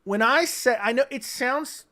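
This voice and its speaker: A young man with a very high voice hosts a casual livestream, rambling and swearing freely while he answers questions from the chat. He keeps a measured pace and a sharp tone.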